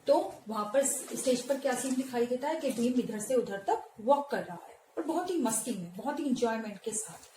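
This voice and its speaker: A woman's voice: on the high side, dark tone, slight background noise. A woman teacher explaining a school play scene by scene and glossing words in English, in an echoey room. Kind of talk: explaining a textbook play to a class.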